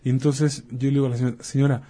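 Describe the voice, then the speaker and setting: Mellow, husky-voiced man. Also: medium pitch, little pitch movement, racing. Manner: explains with acted-out dialogues and rhetorical questions. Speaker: doctor guest. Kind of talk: casual talk-show chat.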